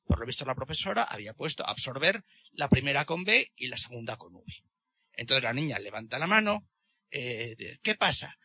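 A man from with a gravelly, husky voice that is sharply bright. He talks in a discussion, indignant and halting, full of restarts. The sound is dry and close. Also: mid-range voice, very animated, no echo. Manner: indignant, hesitant with many restarts. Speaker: participant in a discussion. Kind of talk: casual debate talk.

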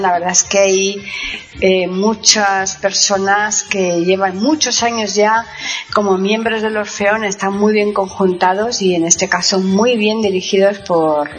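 A woman co-hosts a radio show in a mid-range voice. Her delivery is conversational and slightly halting, dotted with tag questions. Light music sits behind her. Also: medium pitch. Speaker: radio co-host. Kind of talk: casual presenting and chat.

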